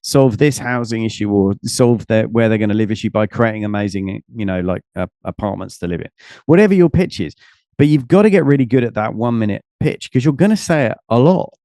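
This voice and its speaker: A middle-aged man, a business coach talking on a podcast in an energetic, animated way, often acting out other people's lines. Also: brisk, dry recording. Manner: enthusiastic, animated, acts out quoted people with big pitch jumps. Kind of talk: energetic conversational interview.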